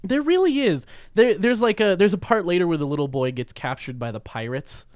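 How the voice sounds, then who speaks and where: Animated young man riffing on a movie. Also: high-pitched, a crowd in the background. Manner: animated, laughing, acts out scenes in quick voices. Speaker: podcast co-host. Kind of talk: casual movie review chat.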